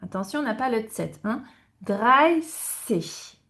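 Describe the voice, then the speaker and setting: A woman's voice: mid-range voice, normal speed. A woman teaching German numbers to French speakers in a video lesson, patiently addressing the viewer and repeating each word with small hesitations. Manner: addresses viewers directly, frequent hesitation fillers.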